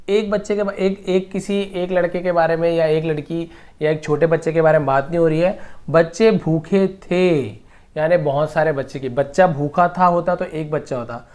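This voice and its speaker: A man teaching English grammar, patiently repeating each example slowly word by word. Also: a little high, darkish tone. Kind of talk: explaining grammar lesson.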